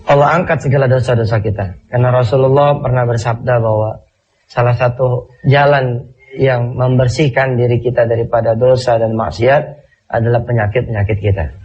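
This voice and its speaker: A man's voice: medium pitch, fairly even intonation, moderate pace, darkish tone, breathy edge. A man with an Indonesian accent gives an informal sermon to viewers at home. His voice is nasal and congested, as with a stuffy cold. He restates key phrases to drive them in, and the recording sounds dull and muffled. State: congested with flu, clearing throat. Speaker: Islamic preacher addressing TV viewers. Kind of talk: conversational televised sermon with Quran recitation.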